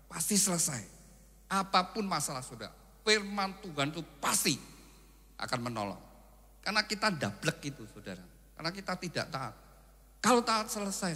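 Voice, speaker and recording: Bright-voiced preacher in a reverberant hall. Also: male voice, a little high. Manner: animated preaching, acting out quoted spouses and mixing in Javanese phrases. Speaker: pastor. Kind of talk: wedding sermon.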